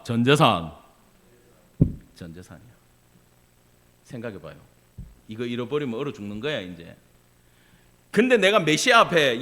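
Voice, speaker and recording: A man preaching a sermon as pastor, swinging between quiet asides and loud cries, with casual spoken asides to the congregation. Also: on the high side.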